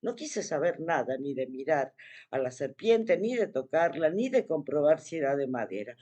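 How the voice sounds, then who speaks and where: Lively, animated woman telling a story. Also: low voice. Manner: animated, expressive retelling with dramatic pauses. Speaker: vlogger. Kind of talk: casual personal storytelling to the viewer.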